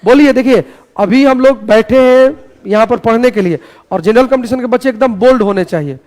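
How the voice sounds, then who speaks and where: A man teaches a class in a classroom. His voice sits very high, and he speaks loudly and playfully, firing call-and-response prompts at his students. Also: a little fast. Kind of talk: energetic classroom lecture.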